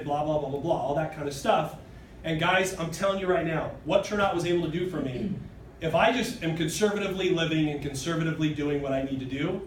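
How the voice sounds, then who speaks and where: Standing before the room and gesturing broadly, the thirties-aged sales presenter pushes his motivational pitch in a high, punchy voice, peppering it with emphatic "okay?" and "true?". The audio comes from a distant phone camera in the audience, roomy with a faint hiss, in a hotel meeting room.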